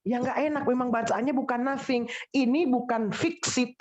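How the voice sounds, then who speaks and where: A woman teaching English pronunciation to a class, lively and teasing, drilling words over and over. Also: sits high, moderate pace. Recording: dull lo-fi sound.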